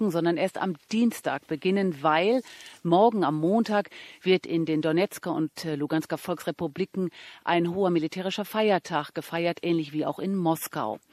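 A woman reporting as a news correspondent, reading her report clearly and answering live with some hesitations. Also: fairly low pitch, normal speed, a little mellow, no echo. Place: on location outdoors.

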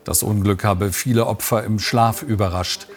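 A man reading a news bulletin in an even, measured way. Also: fairly low pitch. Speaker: newsreader. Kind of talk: read radio news bulletin.

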